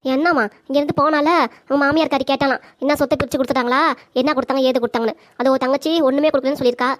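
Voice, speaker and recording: Bossy cartoon wife, high and fast, close dry mic woman doing it. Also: fairly even intonation, no echo, lightly acted. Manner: bossy, nagging. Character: sharp-tongued scheming young wife. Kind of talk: cartoon comedy voice acting.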